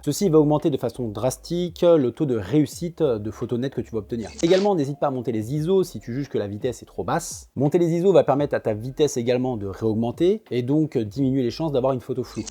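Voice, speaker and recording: A young man runs through photography tips at a rapid clip, chatty and playful with the viewer. His voice sits in a mid register with a mellow, rounded tone. He jokes as he goes but stays on point. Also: medium pitch. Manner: joking, brisk and chatty, addresses the viewer informally. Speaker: photography teacher. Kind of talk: casual tutorial to camera.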